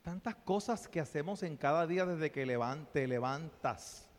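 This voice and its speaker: Animated preacher in an echoing church. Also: male voice, fairly high pitch, moderate pace. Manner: animated and playful, swinging between soft asides and loud exclamations. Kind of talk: sermon. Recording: long reverb of a church hall.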